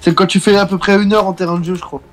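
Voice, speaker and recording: A man's voice: high-pitched, little pitch movement, very fast. A young man hosting a gaming video, chatting casually and teasing his teammate from a small room at home. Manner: teasing, joking banter.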